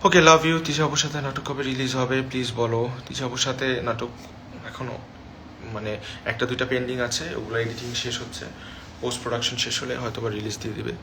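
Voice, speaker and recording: A young actor answers fan comments he reads aloud during a casual phone livestream from his room. His mid-range voice stays level and fairly quick, he slips English phrases into his chatty speech, and there's a little hiss or hum.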